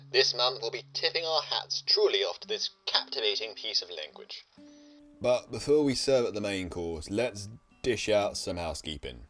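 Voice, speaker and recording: A male host reading playful scripted narration with a fairly low voice. He explains at length, with jokes tucked into the explanations. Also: bright, forceful tone.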